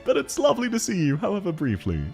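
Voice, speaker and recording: Lively deep-voiced male streamer. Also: fast talker, vocal fry, soft background music. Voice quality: deep, soothing normal voice. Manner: excitable, lively, laughs often, greets chat. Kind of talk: casual live-stream chat.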